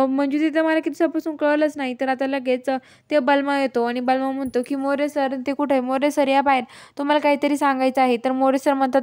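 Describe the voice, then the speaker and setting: A woman with a high voice narrates a serial's plot in a quick, casual way. She quotes every character in her own voice and keeps restarting with fillers. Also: darkish tone. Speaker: storyteller recapping a TV serial. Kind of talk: casual spoken recap narration.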